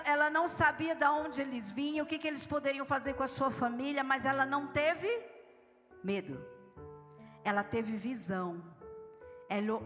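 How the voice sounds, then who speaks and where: A woman pastor from Brazil preaches live, her voice bright and forceful as she tells stories straight to the congregation. She speaks a little high, earnest and direct. The sound rings through a big church hall with soft music underneath.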